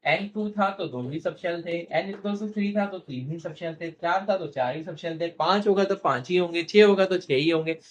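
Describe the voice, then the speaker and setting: A man teaching chemistry in a classroom-style lecture, asking questions and answering them himself, slowing down to spell out formulas, and gently teasing his students. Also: high voice, dull audio. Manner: asks questions and answers them himself, repeats key terms; playfully teasing toward students.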